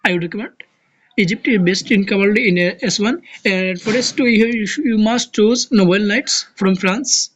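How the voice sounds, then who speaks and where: Speaking at a normal speed in a mid-range voice, a Bangladeshi game guide creator with a native Bengali accent gives a casual strategy game tutorial. They often restart words and grope for the right terms, and the recording sounds rough.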